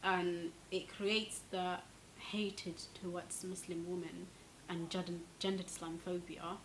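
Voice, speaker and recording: A woman from Somalia answers interview questions in a fairly low voice. She talks earnestly and presses her points with growing force. A faint hiss sits under the recording. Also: little pitch movement, unhurried, low-quality recording. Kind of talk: documentary interview.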